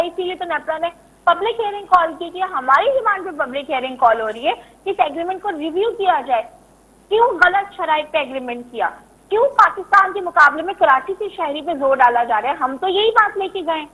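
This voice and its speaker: A woman's voice: extremely high pitch, sharp tone, poor audio. A woman politician from Karachi, a guest on a political talk show, who makes her case insistently and repeats her points for emphasis.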